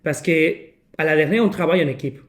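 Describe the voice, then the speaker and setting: A man with a slightly high voice speaks French with a foreign accent, as a non-native speaker. He hosts a casual podcast, searching for words in a halting way and slipping in English terms. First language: not French. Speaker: podcast host.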